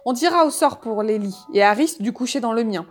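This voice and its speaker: A woman reading a humorous novel aloud in measured, wry storytelling. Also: fairly high pitch, animated, soft background music. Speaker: audiobook reader. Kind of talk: scripted narration.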